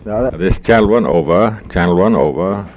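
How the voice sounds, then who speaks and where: A man's voice: deep voice, fairly quick, slight background noise. A man speaking over a two-way radio, repeating call signs and dates in clipped radio fashion. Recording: narrow tinny radio transmission.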